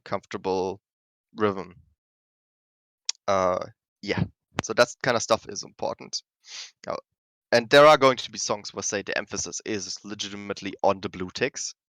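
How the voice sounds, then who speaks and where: In a fairly low yet slightly bright voice, a man gives a loose explanatory lesson on mapping for rhythm games, frequently correcting himself mid-sentence and using many fillers. The recording is dry and low in quality.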